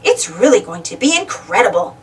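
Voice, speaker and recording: A woman voicing an excitable, self-centred male cartoon duck from a storybook, exclaiming and wondering aloud eagerly. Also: mid-range voice, a little fast, recorded from a distance, natural voice.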